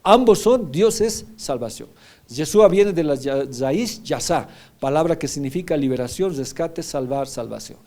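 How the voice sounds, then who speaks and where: Pastor preaching in a mellow voice. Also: male voice, a little high, animated, a little slow. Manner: teaching, often checking in with "¿ya?". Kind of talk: sermon.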